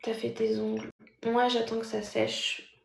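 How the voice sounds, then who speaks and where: A woman's voice: fairly high pitch, completely flat delivery, measured pace, vocal fry, reverberant, a little hiss or hum. A woman streaming live, chatting casually with viewers in a mocking, talkative manner. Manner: chatty, mocking, talks loudly by habit. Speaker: livestreamer.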